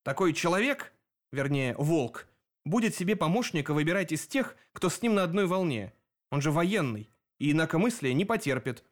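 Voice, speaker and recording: A man's voice: on the high side, sing-song, normal speed. A man voicing Sep, a sarcastic, harsh male demon investigator with a mocking manner. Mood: stern.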